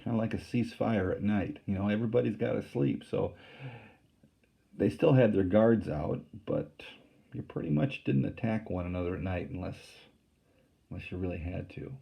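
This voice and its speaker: Husky low-voiced man reading aloud. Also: moderate pace, highs cut off. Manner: plain, explaining aside in a casual tone. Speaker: teacher. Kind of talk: reading a novel aloud to a class with explanatory asides.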